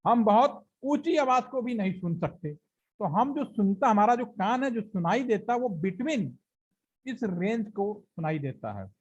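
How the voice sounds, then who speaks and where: A man's voice: high-pitched, expressive, unhurried, darkish tone, husky, dull audio. A man teaching a training class, explaining step by step and asking and answering his own questions, with his speech. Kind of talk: classroom lecture.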